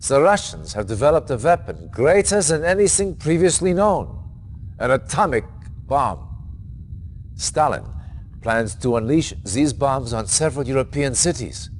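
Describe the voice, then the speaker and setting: Voicing a grave, authoritative military commander for a video game cutscene, a man speaks sternly, formally, and deliberately in a natural, mid-range voice with a sing-song lilt. A little hiss or hum is audible.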